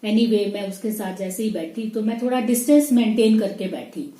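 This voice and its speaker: A woman's voice: medium pitch, moderate pace, warm tone, reverberant, poor audio. A middle-aged woman telling a personal story in casual, chatty storytelling, often voicing her own inner thoughts. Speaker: vlogger.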